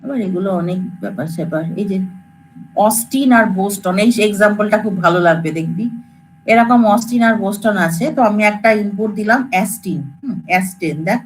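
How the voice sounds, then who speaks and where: A woman's voice: medium pitch, quick pace, slight background noise, rough recording. A woman lecturer, explaining to students in a casual, coaxing classroom way. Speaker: computer science lecturer.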